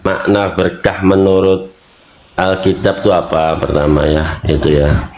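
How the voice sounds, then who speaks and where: A man calling in with a halting, hesitant question. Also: deep voice, completely flat delivery, darkish tone, reverberant, slight background noise. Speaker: caller.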